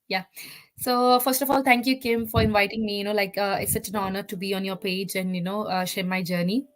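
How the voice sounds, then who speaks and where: A woman's voice: mid-range voice, fairly even intonation, a little fast, low-quality recording. A woman in her thirties from India, a guest in a casual interview, talking in a chatty way with many fillers.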